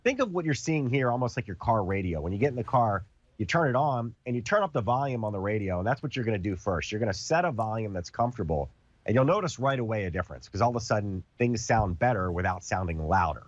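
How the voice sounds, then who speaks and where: A man with a cold, sounding congested, hosts a casual TV product demo, explaining things through everyday comparisons. His fairly low voice is expressive and fast. The recording is dry and lo-fi.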